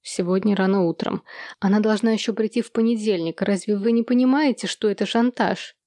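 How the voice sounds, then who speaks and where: A woman reading an audiobook, voicing a prim, hysterical middle-aged woman who complains in a shrill, sobbing way. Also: a little fast, warm tone, no room sound, clean studio sound, lightly acted. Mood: distraught.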